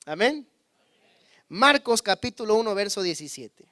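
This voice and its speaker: High-voiced preaching man, dry sound. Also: sing-song, unhurried, no echo. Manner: calls on the congregation to repeat words; swings between loud emphasis and hushed low asides. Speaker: pastor. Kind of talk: sermon.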